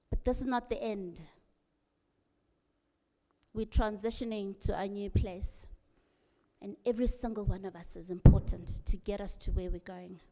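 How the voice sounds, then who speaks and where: A woman's voice: medium pitch, dark tone. A woman giving an earnest, rousing campaign speech to supporters, urging them to keep working. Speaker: political candidate. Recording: long hall reverb.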